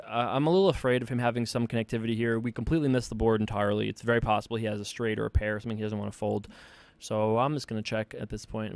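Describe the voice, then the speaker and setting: A man hosting his own poker series, thinking aloud in a relaxed, joking way while he plays hands online. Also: lowish voice, gravelly, no echo. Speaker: poker player and show host. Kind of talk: casual online poker commentary. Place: home desk setup.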